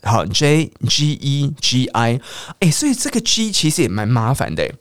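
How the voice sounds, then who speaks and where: A man teaching English pronunciation on a radio lesson, spelling out letters and repeating each word slowly for listeners to say aloud. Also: medium pitch, huge pitch swings, no room sound, studio quality. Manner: drills words slowly and repeats them.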